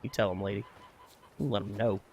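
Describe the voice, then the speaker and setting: A man's voice: fairly low pitch, fairly quick, a little mellow. A man streaming a video game, joking, swearing and reading game text aloud. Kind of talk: gaming livestream commentary. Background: faint game music.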